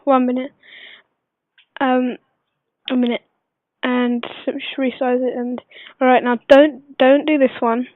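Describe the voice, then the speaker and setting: A woman who is unwell gives a casual gameplay tutorial voice-over, speaking quietly but clearly in a hesitant, rambling way. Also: high voice, level tone, a little slow, no echo. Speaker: gaming video maker. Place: voice-over recorded at a computer. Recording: dull lo-fi computer recording, dry.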